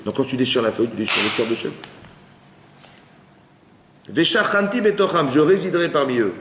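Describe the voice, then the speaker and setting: A man teaching an informal Torah class to an audience, lively and conversational, often asking whether his listeners follow. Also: mid-range voice, a little fast. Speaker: rabbi. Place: study hall with audience. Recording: roomy hall with long reverb.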